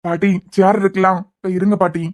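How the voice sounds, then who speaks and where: A woman's voice: mid-range voice, flat delivery, fast, a little mellow, natural voice. Woman voicing a worried young cartoon man. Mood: anxious blunt. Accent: Kanyakumari Tamil. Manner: anxious, blunt.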